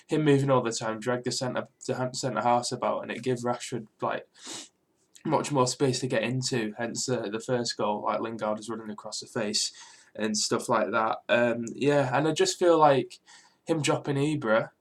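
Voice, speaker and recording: A young British man speaks in a quiet but clear voice, held back a little by a sore throat. He rambles casually and swears freely, like a fan recording a match reaction. His pitch sits in an ordinary male middle range. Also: steady tone, normal speed. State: mildly ill with a sore throat. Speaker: football fan video host.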